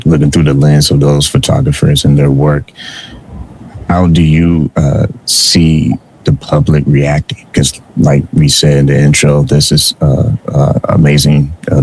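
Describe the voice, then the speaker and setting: Male host, extremely low and monotone, halting questions, faint noise behind. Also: slightly rough, low-quality recording. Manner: fumbling, many uh fillers. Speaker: interviewer, host. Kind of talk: interview questions.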